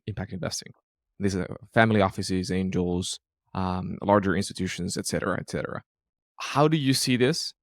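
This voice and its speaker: A man's voice: fairly low pitch, no room sound, clean studio sound. A man from Finland hosting an interview, asking long questions with frequent stammered repeats. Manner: hesitant, repeats words while framing questions. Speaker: podcast host. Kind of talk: interview conversation.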